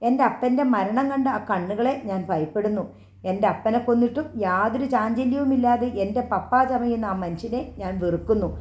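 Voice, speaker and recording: Woman narrator as hard, unforgiving daughter; mellow, firm delivery, slightly muffled recording. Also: fairly high pitch, reverberant, natural voice. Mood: bitter, firm. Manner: firm, measured, accusing. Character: bitter grown daughter, firm and cold.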